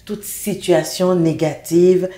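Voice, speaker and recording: A woman with a low, warm voice hosts a faith talk show interview. She affirms her guest and asks probing questions. Her voice carries a roomy, echoey sound. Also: fairly even intonation, slow pace. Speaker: interviewer host.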